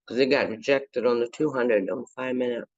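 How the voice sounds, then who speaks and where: A man's voice: mid-range voice, brisk, no room sound. A man emphatically explaining a trade to others in a casual group voice chat. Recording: dull lo-fi online call audio.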